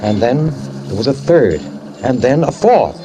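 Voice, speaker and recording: In a 1940s radio drama, an actor plays a guilt-ridden man who fled a hit-and-run, narrating tensely in the first person. His medium-pitched voice swings widely and moves a little slowly, with background noise and music on what sounds like an old radio broadcast.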